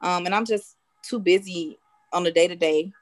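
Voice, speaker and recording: A woman, a real estate consultant answering interview questions in a steady, matter-of-fact way with frequent "um"s. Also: lowish voice, moderate pace. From South Side of Chicago. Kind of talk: casual interview guest.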